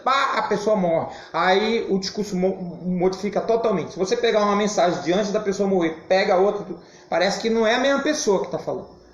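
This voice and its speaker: A hoarse man teaches a church Bible class with energy, stressing his points and sometimes raising his voice. His voice sits fairly high. The sound is roomy and muffled, with a faint hiss behind it. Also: brisk. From Brazil. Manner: animated, emphatic, occasional shouting. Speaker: Sunday school teacher.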